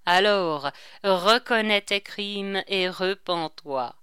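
A hollow, hissing voice posing as God, solemn and accusing, as a woman narrator puts it on. It speaks slowly and clearly, with no room around it. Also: mid-range voice, pushed and bright, no room sound, studio quality.

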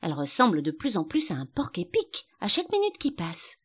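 A woman's voice: fairly low pitch, huge pitch swings, fairly quick, slightly rough, full character voice. A woman doing a polite curious little girl. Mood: puzzled. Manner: polite, eager, a little plaintive.

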